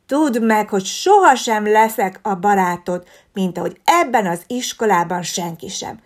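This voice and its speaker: A woman voicing an honest, stubborn little bear boy who speaks loudly and indignantly. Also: medium pitch, expressive, close to an everyday voice.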